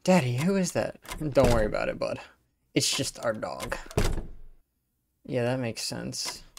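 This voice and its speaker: A man's voice: medium pitch, big pitch swings, measured pace, vocal fry, noisy background. A man giving sarcastic, joking, profane commentary as he plays horror games. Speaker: gaming YouTuber. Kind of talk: gameplay commentary.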